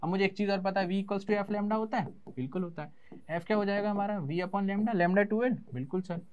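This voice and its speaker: A man's voice: high voice, normal speed, darkish tone, smooth, lo-fi sound. A young Indian man teaching physics in an online class. He mixes Hindi and English terms and answers his own questions in a student's voice.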